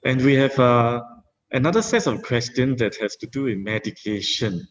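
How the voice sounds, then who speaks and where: A man's voice: mid-range voice, animated. Male moderator reading out questions. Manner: brisk, reads questions aloud, hands over to panelists. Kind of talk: reading audience questions in a webinar. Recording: dull video call audio.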